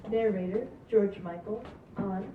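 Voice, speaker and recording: At a table read, a woman reads stage directions as scripted narration in a mid-range voice at a measured pace. The room sounds echoey, distant, dull, and slightly noisy.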